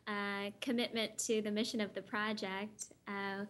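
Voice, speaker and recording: A young woman from South Florida speaks as a talk show guest over a video call. Her voice sits at a middle pitch. She is chatty, laughs easily, and fills her pauses with ums and you knows. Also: little pitch movement, background noise.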